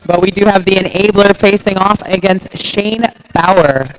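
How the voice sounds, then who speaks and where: A woman announcer at a roller derby game runs through updates with chatty enthusiasm. Her voice sits at a middle pitch. She comes across as lively and teasing. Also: a little slow, rough recording. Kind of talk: sports announcing and sponsor reads.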